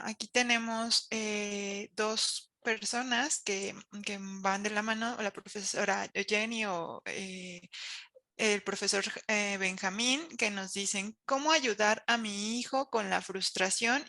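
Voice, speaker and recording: A woman's voice: medium pitch, creaky, sharp tone, no echo. A woman with a Mexican accent moderating a webinar, reading viewer questions aloud with frequent hesitations. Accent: Mexican Spanish. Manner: reads viewer questions aloud with many fillers.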